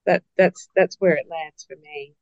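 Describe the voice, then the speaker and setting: In low, steady tones at a normal speed, a woman answers interview questions as a podcast guest and business partner. She's reflective, frequently repeating words as she begins a point and posing questions to herself. The recording is lo-fi with no room sound.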